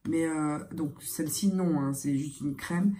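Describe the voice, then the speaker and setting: A young woman chatting casually in a beauty vlog, halting and hesitant, her voice thick, congested and strained from tonsillitis and a sore throat. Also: low-pitched, mellow. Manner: hesitant, halting, searching for words. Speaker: beauty vlogger.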